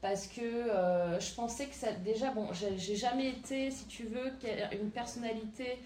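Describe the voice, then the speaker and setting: Captured on a distant mic in a roomy space with faint ambience and a little hiss or hum, this entrepreneur in her thirties from southern France talks informally about her career as an interview guest. She hesitates often with fillers, speaking at normal speed in a slightly high, slightly mellow voice.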